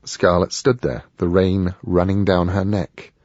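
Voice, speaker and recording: A man narrating an audiobook in an expressive storytelling style. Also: deep voice, measured pace, no room sound, lo-fi sound. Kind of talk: scripted narration.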